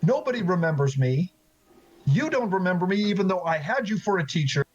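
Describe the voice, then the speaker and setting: A man's voice: sits high, sing-song, a little slow, husky, full character voice. A man voicing a young male former student who speaks indignantly while holding back his anger, on dull lo-fi audio.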